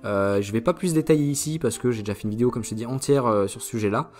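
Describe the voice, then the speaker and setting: A man's voice: mid-range voice, fast talker, darkish tone. A young man casually walking viewers through trading tools, talking informally with many fillers and restarts. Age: young adult. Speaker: trading YouTuber. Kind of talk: casual screen-share product walkthrough.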